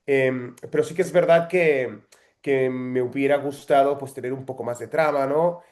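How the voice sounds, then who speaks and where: A man's voice: medium pitch, steady tone, normal speed, darkish tone. A man, an actor telling stories in a casual interview, with lots of hesitations. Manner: chatty storyteller, frequent hesitations. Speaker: actor guest.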